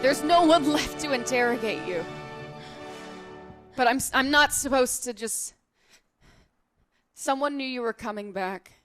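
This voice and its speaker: Lady doing a rattled guard who survived, stammers a lot, highish voice, tabletop game. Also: lively intonation, faint music behind. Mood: shaken, bewildered. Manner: halting, stammering, repeating words. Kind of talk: in-character tabletop role-play.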